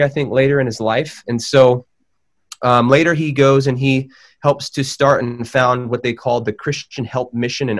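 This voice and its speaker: A man speaking as a panel guest, telling a biography in a thoughtful, conversational way with frequent pauses and restarts. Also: mid-range voice. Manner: thoughtful, many fillers and restarts.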